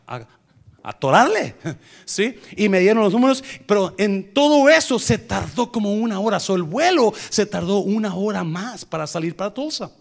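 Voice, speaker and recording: Animated preacher, gravelly voice. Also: male voice, a little high. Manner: animated, mixes English into Spanish, acts out dialogue. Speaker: preacher telling a personal story. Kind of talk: sermon storytelling.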